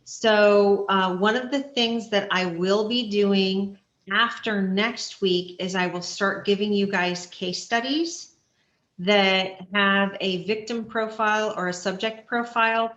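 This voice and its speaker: A woman's voice: medium pitch, steady tone, slow, a bit bright, reverberant, highs cut off. A woman instructor explaining search dog strategy to a class in a practical, step-by-step way with frequent fillers. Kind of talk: online class lecture.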